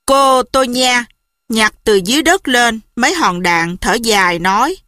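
A woman narrating an audiobook in a steady, expressive reading style. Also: a little high, a little slow, dry recording, clean studio sound.

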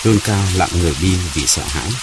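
A man narrating a dramatic story in a measured, dramatic way. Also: sits low, very noisy.

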